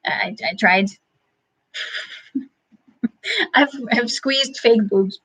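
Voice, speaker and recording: Woman, livestream host, casual chat, slow drawn-out delivery, hesitant, chuckles often. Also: on the high side, expressive, fairly bright tone, breathy edge, rough recording. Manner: unhurried, halting, frequent chuckles, thinks aloud.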